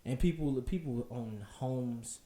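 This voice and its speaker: A man's voice: medium pitch, slow, reverberant. A man co-hosting a casual podcast, talking earnestly in long rambling turns. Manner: earnest, rambling, many restarts, trails off quietly. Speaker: co-host.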